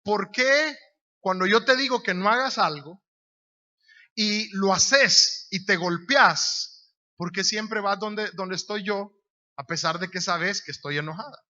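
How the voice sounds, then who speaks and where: A man's voice: high-pitched, a little slow, pushed and bright, exaggerated voice. A man voicing an exasperated mother questioning her son sternly. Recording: dull lo-fi recording.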